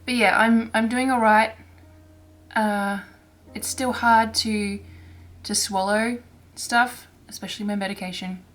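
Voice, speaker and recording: On her own crafting vlog, a cross-stitcher talks casually with fairly even intonation in a mid-range voice. Irritation in her throat gives her a hoarse rasp, and her soft speech is halting, full of restarts.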